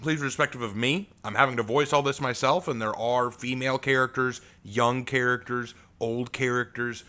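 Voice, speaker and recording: After some laid-back chat with his stream viewers, a deep-voiced author moves on to reading his own fantasy prologue. He talks at normal speed with few pauses, though fillers and restarts still slip in.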